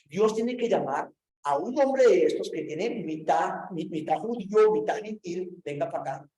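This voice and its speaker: A man delivers a Bible lesson in a preacher's manner, talking conversationally and circling back over his phrases as he turns to his listeners. His voice sits fairly high yet sounds mellow and dark. The room around him gives back a clear echo. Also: expressive, a little slow. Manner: conversational, repeats phrases, addresses listeners directly. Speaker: theology teacher.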